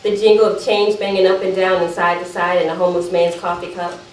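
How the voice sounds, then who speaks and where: A woman performs a defensive teenage girl, an evasive sister pleading with Mama in a chatty, gossipy mood, apologetic and full of digressions. Her lowish natural voice is monotone and fairly quick. The dramatic monologue was read aloud at a live event, captured by a distant microphone in a roomy room with faint background noise.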